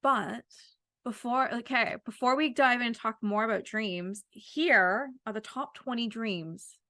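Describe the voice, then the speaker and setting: 30s woman podcast host, rambly casual chat, bright voice, dry close mic. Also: a little high, a little slow, dry recording. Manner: rambling, lots of "like" fillers.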